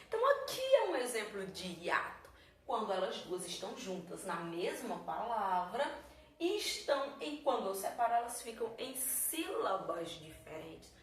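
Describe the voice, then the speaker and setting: Teacher lady, patient, keeps checking in, echoey room, mic kinda far. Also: mid-range voice. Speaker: Portuguese teacher. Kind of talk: recorded classroom lesson. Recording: echoey room, mic at a distance, faint background noise.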